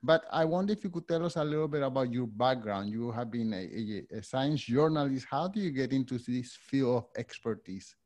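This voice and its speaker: A man's voice: medium pitch, brisk, few pauses, darkish tone. A man with a Spanish accent hosting an interview podcast, talking hesitantly and often restarting or repeating words. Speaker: podcast host.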